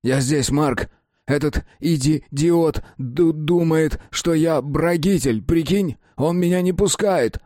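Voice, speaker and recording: A man's voice: a little high, slow, dark tone, no echo, voice pushed up. A male reader plays an angry, exasperated man whose tongue keeps betraying him, so words come out jumbled and stumbling. The voice sits a bit above the reader's own and stays dry and close. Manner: stumbling, tripping over words.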